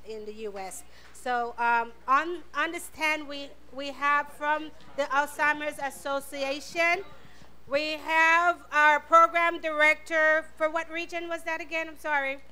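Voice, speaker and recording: A woman's voice: sits high, little pitch movement, a little slow, bright, forceful tone. A woman hosting a live community radio talk show, thanking sponsors and welcoming guests to an audience.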